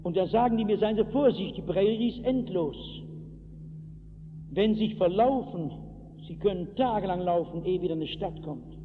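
Tinny old recording of a high-voiced German preacher. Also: male voice, expressive, moderate pace. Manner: storytelling preacher, shouts out acted calls. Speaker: pastor. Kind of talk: evangelistic sermon. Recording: tinny lo-fi hall recording with hiss.

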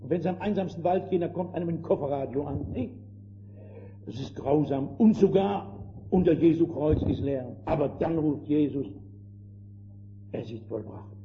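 An older man preaching a fervent sermon, calling his listeners friends and swinging between hushed and emphatic delivery. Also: on the high side. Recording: dull lo-fi old sermon recording with faint noise.

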